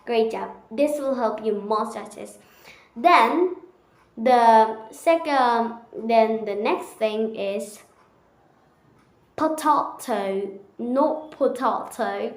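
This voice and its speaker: Slow, high-voiced woman teaching pronunciation. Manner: encouraging, repeats single words with pauses. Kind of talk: pronunciation lesson with repeat-after-me drills. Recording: roomy, echoey room sound.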